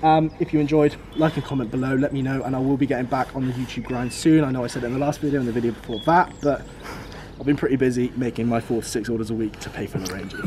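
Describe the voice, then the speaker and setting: A man's voice: medium pitch, fairly even intonation, quick pace, noisy background. A British man in his twenties gives an upbeat, casual motivational vlog outdoors, repeating his key numbers. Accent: British English. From United Kingdom. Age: 20s. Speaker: vlogger. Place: outdoors beside a car.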